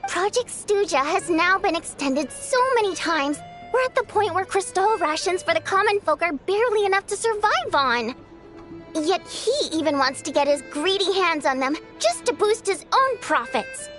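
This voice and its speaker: Indignant and very high-pitched, a woman plays a touchy, prideful stage singer in a video game script, delivering her lines at a moderate pace in a theatrical, expressive and pointed way. Faint music plays behind her.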